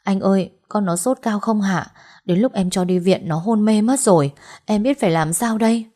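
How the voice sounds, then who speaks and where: A woman's voice: medium pitch, fairly even intonation, measured pace, mellow, voice pushed up, lightly acted. A woman reading the part of a scheming mistress who sobs and pleads in a raised voice. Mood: panicked. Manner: sobbing, pleading. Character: scheming young mistress, tearful and desperate.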